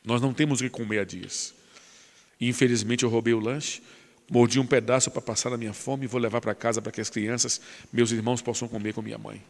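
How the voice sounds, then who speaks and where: A man voicing a poor, starving schoolboy who pleads in a hushed, tearful way. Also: medium pitch, fairly even intonation, fast talker, vocal fry, in a large hall, lightly acted. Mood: pleading.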